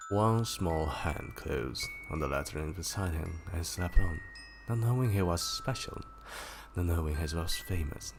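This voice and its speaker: A male streamer reads a novel aloud on a livestream in a very low, gravelly voice. His pitch moves freely across a wide range, and he breaks off to laugh and joke with his chat. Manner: laughs easily and jokes with chat. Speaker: streamer and storyteller.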